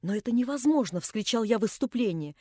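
A woman's voice: fairly high pitch, expressive, fast talker, mellow, no echo, studio quality. A woman reading the part of a young man who pleads desperately and insistently with the woman he loves. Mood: pleading urgently.

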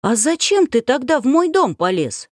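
A woman's voice: very animated, normal speed, no echo, clean studio sound. Shrieking terrified young woman, as a woman reader plays her. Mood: accusing. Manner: shrill, shrieking. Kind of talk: audiobook character acting.

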